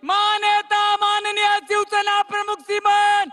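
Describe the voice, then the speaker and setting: A man announcing a speaker at a political rally with drawn-out, chanted shouts. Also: extremely high pitch, monotone, music in the background.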